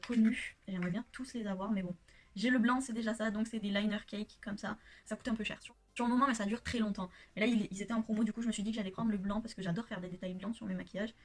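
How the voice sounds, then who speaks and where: A woman's voice: a little high, a little hiss or hum. A woman vlogger chatting through a makeup haul in her home workshop, gushing and hesitating often. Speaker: beauty vlogger. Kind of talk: casual makeup haul vlog.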